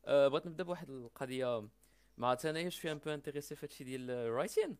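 Fast-talking Moroccan man, close dry sound. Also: mid-range voice, darkish tone, clear, resonant tone, dry recording. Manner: hesitant, mixes Arabic with French. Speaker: discussion participant asking questions. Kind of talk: casual interviewing. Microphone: online call microphone.

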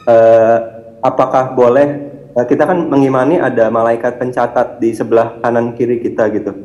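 A man calling in to ask questions, politely and hesitantly, pausing and restarting often. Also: mid-range voice, fairly even intonation, dark tone, soft background music. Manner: hesitant, many fillers and restarts. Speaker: caller asking questions. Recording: dull, roomy, reverberant line.

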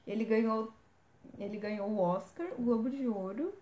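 A woman's voice: on the high side, moderate pace, mellow, echoey room, dull audio. Chatty young woman podcaster. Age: young adult. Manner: chatty, reads out facts. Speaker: podcast co-host. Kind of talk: casual chat.

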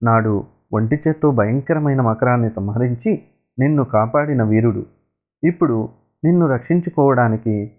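A man voicing a group of maidservants who shout their news excitedly, on a tinny, phone-like recording. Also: medium pitch, moderate pace, long pauses, natural voice. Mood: joyful. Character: group of joyful maidservants, women.

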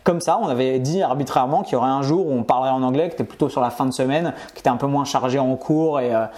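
A man telling stories in a casual conversation, slangy and animated, often adding "tu vois". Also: medium pitch, fast talker.

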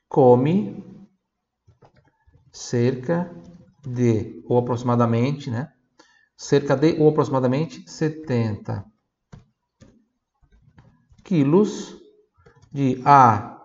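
Slow, patient male Italian teacher. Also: mid-range voice, creaky, darkish tone, muffled recording. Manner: slow, drilling repetition of phrases; patient, explains pronunciation step by step. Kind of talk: online language lesson.

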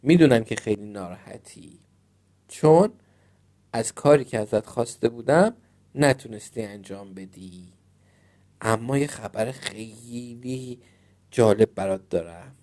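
A man voicing the wise, calm head of a fairy school in a storybook reading, speaking in a measured way. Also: mid-range voice, natural voice. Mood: approving.

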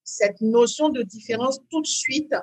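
A woman from Benin speaks as a guest in a conversational interview, hesitating with plenty of fillers and repetitions before breaking into bursts of lively emphasis. Her voice is slightly high and husky, and she doesn't rush.

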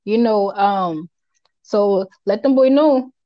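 On a muffled recording, a medium-pitched woman speaks slowly as a podcast co-host with a Charleston Gullah Geechee accent. Her casual, opinionated chat is emphatic, colloquial and unfiltered, and she frequently repeats points for emphasis.

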